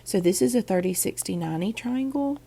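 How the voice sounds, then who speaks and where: Woman math teacher, gravelly husky voice from a cold, chatty and encouraging. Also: mid-range voice, animated, fairly quick, warm tone. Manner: chatty, encouraging, with frequent ums and okays. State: groggy voice from a cold. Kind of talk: recorded online math lesson.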